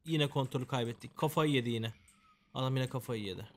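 Man, let's-play commentary, joking, chatty, mock-dramatic grumbling, average pitch. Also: fast. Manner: joking, chatty, talks to game characters. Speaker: gameplay commentator.

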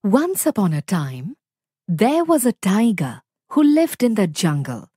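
A woman reading a fable aloud for learners, slow, lively and clearly paced. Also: mid-range voice, no room sound, studio quality. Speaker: storyteller.

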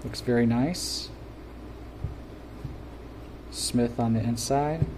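A man's voice: mid-range voice, very slow, a little mellow, slight background noise. A man giving casual unboxing commentary as a gear reviewer, chatty and enthusiastic, with plenty of fillers.

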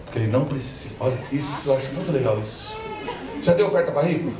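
Here the pastor's voice sits at medium pitch, fast and lively in intonation, as he has the congregation repeat after him during a joke-filled call-and-response sermon. It's captured from far away in a large church hall with heavy echo and an audible crowd.

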